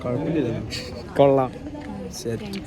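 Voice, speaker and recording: A man's voice: medium pitch, lively intonation, measured pace. A man from Kerala vlogging at a student service camp, playful and jokey, always calling out to his viewers. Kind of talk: casual vlog chatter to camera. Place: outdoors at a camp among a crowd of students. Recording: outdoor phone audio with crowd chatter.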